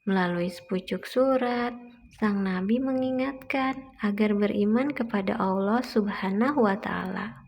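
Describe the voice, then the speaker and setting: A woman's voice: mid-range voice, unhurried, gravelly, a little mellow. A woman, a mother reading a picture book aloud to toddlers in simple storytelling, repeating and explaining lines, on a muffled recording with background noise.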